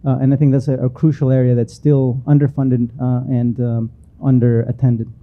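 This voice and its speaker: Man panelist, halting with fillers. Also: mid-range voice, little pitch movement, phone-quality sound. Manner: hesitant, many "uh" fillers. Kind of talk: panel discussion.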